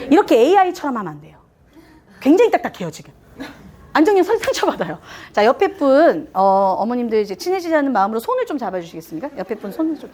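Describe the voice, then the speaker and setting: A woman with a high-pitched but darkish voice lectures parents on communication styles before a live audience in a lecture room. She's playful, laughing often and acting out what people say.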